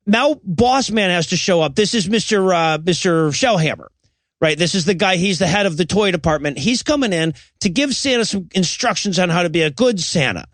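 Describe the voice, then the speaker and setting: A man's voice: high voice, animated, brisk, a bit bright, no room sound. A man co-hosting a podcast, giving a profane, wry scene-by-scene movie recap. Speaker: podcast co-host. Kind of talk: casual comedic movie recap.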